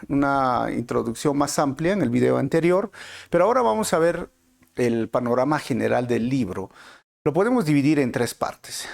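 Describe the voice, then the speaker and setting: A man's voice: medium pitch, vocal fry, darkish tone. A man with a Peruvian Spanish accent, teaching an online Bible study in a methodical, explanatory way. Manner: methodical, explanatory, self-correcting. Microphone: close mic, streamed online.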